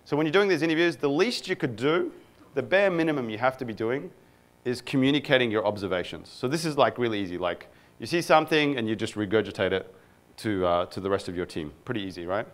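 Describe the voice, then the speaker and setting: Quick and lively in his intonation, this Egyptian man speaks in a mid-range voice during a relaxed conference talk before a live crowd. He's a product manager, and he leans heavily on fillers and jokes at his own expense.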